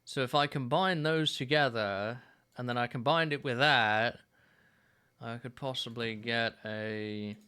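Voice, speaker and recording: A man in his thirties streaming a game, musing aloud in a relaxed way with plenty of fillers. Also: mid-range voice, a little slow, clean tone. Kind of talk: casual gameplay commentary.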